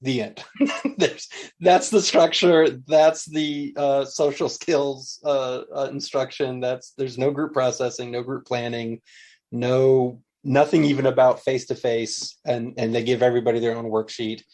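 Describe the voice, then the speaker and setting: A man's voice: medium pitch, fairly even intonation, unhurried, darkish tone. Thoughtful man in a podcast interview. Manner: thoughtful, many fillers and restarts. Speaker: linguistics professor, interview guest. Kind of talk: conversational interview answers.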